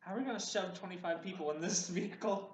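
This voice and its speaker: A man's voice: sits high, fast. A man playing a tabletop game, throwing in wisecracks and goofy suggestions. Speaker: player. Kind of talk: casual tabletop banter. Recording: echoey room with faint noise.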